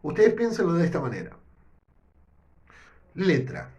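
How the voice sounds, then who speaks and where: A man teaching a lesson with a Rioplatense accent, explaining step by step and often checking in with a quick question. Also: mid-range voice, big pitch swings. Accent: Rioplatense Spanish. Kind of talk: recorded language lesson. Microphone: no whiteboard, improvising with notes.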